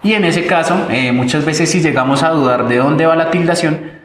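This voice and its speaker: A man's voice: a little high, normal speed, reverberant. A man with a Colombian accent teaching a recorded online grammar lesson, explaining step by step with fillers and restarts.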